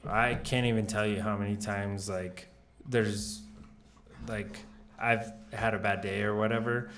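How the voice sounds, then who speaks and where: A relaxed young man with a somewhat low voice, talking casually with his partner on a podcast. He laughs often and swears freely. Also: unhurried, a little hiss or hum. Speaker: podcast co-host.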